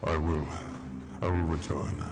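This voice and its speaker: A man voicing an ancient spirit inside a mortal's head in a tabletop game, with slow, theatrical menace. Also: very deep voice, fairly even intonation, very noisy, voice pushed down. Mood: weary, ominous. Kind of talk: tabletop role-play acting.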